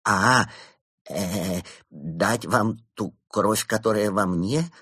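A man's voice: deep voice, expressive, normal speed, fairly bright tone, breathy edge, dry recording, clean studio sound, exaggerated voice. A man voicing a cowardly male sect leader who grumbles and whines fearfully. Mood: nervous grumbling.

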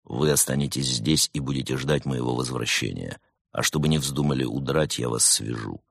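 A man voicing a cool-headed male snow leopard secret agent with a dry, curt, sardonic manner and a husky voice. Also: a bass voice, a little slow, a bit bright, dry recording, full character voice.

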